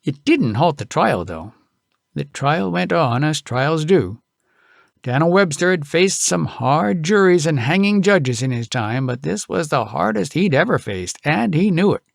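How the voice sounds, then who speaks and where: An audiobook narrator tells a tall tale with folksy, dramatic flair, his slightly high voice swinging widely in pitch and carrying a creaky grain. He goes a little slowly, and the recording is dry and intimate.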